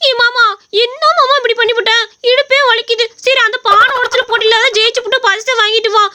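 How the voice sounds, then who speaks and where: A pampered young village girl from a cartoon story whines and pleads in a very high, piercing voice, as a woman puts her on. Every line comes out thin and bright. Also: fairly even intonation, brisk. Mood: whiny. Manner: whining, pleading.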